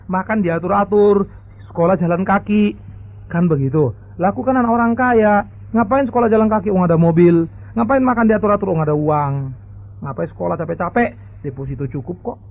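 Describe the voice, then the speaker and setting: A man's voice: high-pitched, animated, brisk, pitched above the performer's own voice. A man voicing a careless spoiled rich son who answers his father flippantly, from a lo-fi sermon recording. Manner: flippant, unrepentant talk. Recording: narrow phone-like lo-fi audio.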